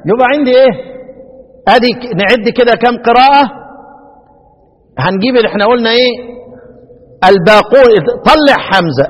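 A man speaking Egyptian Arabic, teaching Quranic readings in a lecture; he keeps asking his students questions and demonstrates words slowly in recitation. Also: very high voice, in a large hall.

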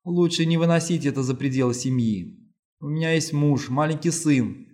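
A man voicing a terrified young woman who hides a dark family secret, frantic and pleading, in an audiobook reading. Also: on the high side, moderate pace, voice pushed up, close to an everyday voice.

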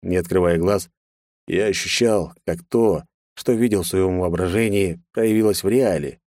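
A man narrating a first-person fantasy story in an even, storytelling manner. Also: low voice, moderate pace, no echo, studio quality. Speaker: audiobook narrator.

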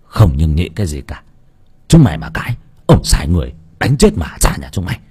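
A man voicing a gruff, sneering old landlord. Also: deep voice, huge pitch swings, a little fast, mellow, pitched below the performer's own voice, exaggerated voice. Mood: bossy. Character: old village landlord, lecherous, bullying, arrogant.

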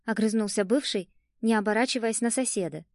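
A woman narrating a first-person audiobook in a lively, expressive storytelling manner. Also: fairly high pitch, brisk, no echo, clean studio sound.

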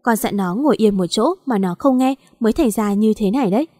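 A woman giving voice to a harsh, impatient older sister who scolds sharply. Her voice sits a bit high, and the recording is close and dry. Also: animated, fairly quick, mellow, dry recording. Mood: scolding.

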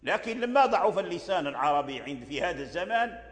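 An older man from Morocco gives a lesson on Quran recitation. He explains patiently and repeats his points in a fairly high voice. His voice trails off into a long, echoing reverb. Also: sing-song, quick pace. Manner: explains patiently, repeats key phrases, chants examples. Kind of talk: religious lesson on tajweed.

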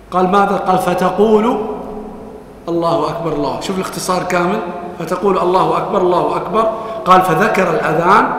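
A man's voice: on the high side, a bit bright. A man teaching a classroom lesson, reciting texts and questioning his students as he explains them. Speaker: teacher of hadith. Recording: echoey hall with long reverb, faint noise.

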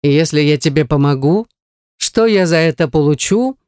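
A woman voicing a huge, menacing male dark god who speaks slowly and mockingly in a low voice. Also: expressive, no room sound, studio quality.

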